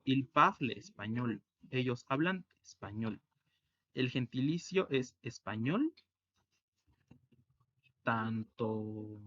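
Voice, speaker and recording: A man teaching a French lesson online, explaining slowly and repeating each word. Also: mid-range voice, fairly bright tone, no room sound, lo-fi sound. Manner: slow, careful explanation, repeating words.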